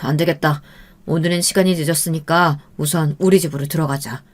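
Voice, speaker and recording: A woman's voice: deep voice, steady tone, brisk. A woman voicing a concerned middle-aged father who speaks earnestly and firmly in an audio story. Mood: urgent. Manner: earnest, urgent.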